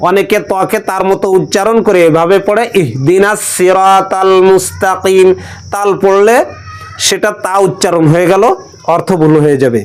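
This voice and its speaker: A male Quran teacher leading a call-and-response pronunciation lesson, stretching each sound slowly for a class to repeat. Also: high-pitched, clean tone.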